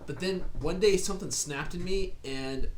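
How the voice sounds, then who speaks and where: A man's voice: sits high, normal speed, a little hiss or hum. A young man co-hosting a podcast in casual chat, rambling with many restarts. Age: young adult. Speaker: podcast co-host.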